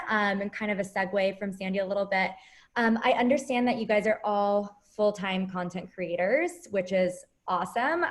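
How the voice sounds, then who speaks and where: Brief: friendly woman moderator, medium pitch, casual fillers. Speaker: panel moderator. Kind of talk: moderating a panel.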